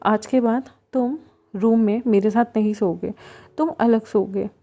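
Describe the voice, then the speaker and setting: A woman's voice: fairly high pitch, fairly even intonation, unhurried, mellow. A woman voicing a kind older brother who soothes and scolds firmly, in a storybook reading. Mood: gentle. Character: gentle, caring older brother, firm when scolding.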